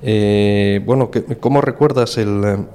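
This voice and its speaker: A man with a low voice interviews a language learner in a patient, teacherly way. He hesitates with fillers and stops to explain simple words. A faint hiss sits behind him. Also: slow, warm tone.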